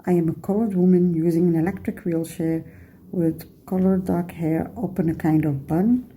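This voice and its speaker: A woman from Belgium giving a steady, earnest self-introduction as a board candidate. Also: lowish voice, normal speed, slight background noise, rough recording.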